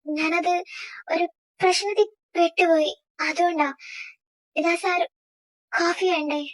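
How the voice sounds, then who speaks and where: A woman's voice: extremely high pitch, fairly even intonation, slow. A woman voicing a timid young female personal assistant who pleads and defends herself. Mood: defensive.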